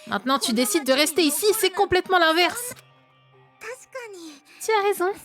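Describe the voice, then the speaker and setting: Streameuse qui joue une adolescente sincère, accent français, voix très aiguë, musique de jeu derrière. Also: female voice, extremely high pitch, lively intonation, normal speed, faint music behind. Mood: earnest. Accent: French. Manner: sincere, soft-spoken and resolute. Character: timid, earnest teen girl finding her courage. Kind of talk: reading game dialogue aloud on stream.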